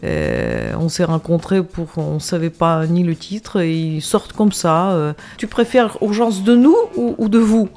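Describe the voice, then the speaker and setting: Low-voiced woman, singer explaining patiently. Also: a little slow, hardly any pauses, warm tone, a little hiss or hum. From half Russian, half French. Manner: explains patiently, hesitant with many fillers. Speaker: singer, show guest. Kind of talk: casual radio interview. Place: radio studio.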